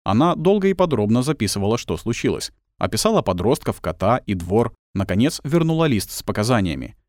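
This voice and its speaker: A man narrating a story in an expressive reading voice. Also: lowish voice, brisk, no echo, clean studio sound. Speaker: audiobook narrator. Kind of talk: scripted narration.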